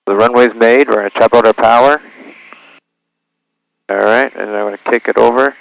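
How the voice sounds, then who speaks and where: For a flying vlog, a man narrates each step and radio call from a small plane's cockpit, talking himself through checklists via an aviation headset. His mid-range voice is creaky and fairly even at a moderate pace, in a low-quality recording.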